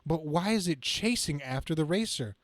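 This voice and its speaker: A man acts out a brash young comic-book superhero full of flippant quips. The voice sits a little high and is recorded fairly dry. The reading is amateur and stumbles now and then. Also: expressive, normal speed, no room sound, lightly acted. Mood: flippant, wisecracking. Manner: flippant, quippy, stumbling over the script.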